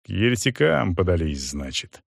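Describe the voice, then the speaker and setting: A male narrator voicing a hard, cold soldier who speaks in gruff, clipped commands. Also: sits low, big pitch swings, moderate pace, dry recording, clean studio sound, voice pushed down, full character voice.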